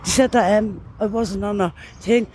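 A woman of seventy speaks in a Dublin accent. She is plain and halting, repeating herself as she answers an interviewer outdoors, with some noise around her. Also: mid-range voice, a little mellow. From Dublin, Ireland. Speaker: prison visitor being interviewed. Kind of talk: informal vox-pop interview. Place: outdoors on a street outside a prison. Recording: street interview with background noise.

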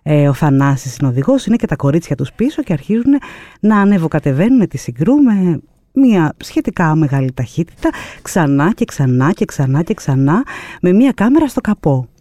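A woman guest, a producer, telling an anecdote in a lively, expressive way with many fillers and pauses. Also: deep voice, dry recording. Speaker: producer and artistic director, guest. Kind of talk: animated storytelling anecdote.

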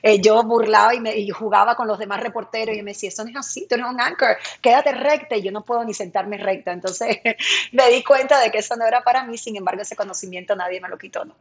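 A woman from Cuba who works as a TV presenter, chatting lively in an interview and often laughing as she talks. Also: medium pitch, fast talker. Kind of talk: casual interview chat.

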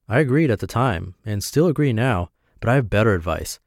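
A man from Montana, reading his reflective essays aloud in a measured, deliberate way. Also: lowish voice, lively intonation, no room sound, studio quality. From Montana, USA.

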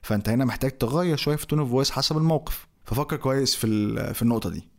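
Fast-talking Egyptian man explaining. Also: mid-range voice, vocal fry. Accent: Egyptian Arabic. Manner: conversational, explains with rhetorical questions. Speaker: marketing instructor. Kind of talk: educational talk to camera.

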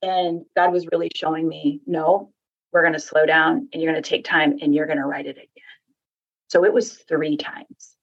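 Husky-voiced woman guest, chatty, acts out quotes as she goes, kinda muffled dull recording. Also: low voice, moderate pace. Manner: animated storyteller acting out quoted voices. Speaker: author and podcast guest. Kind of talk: casual faith-based conversation.

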